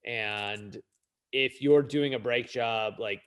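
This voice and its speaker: A man's voice: medium pitch, slow pace. A middle-aged man co-hosting a casual podcast chat as a mechanic, talking bluntly and emphatically, swearing freely.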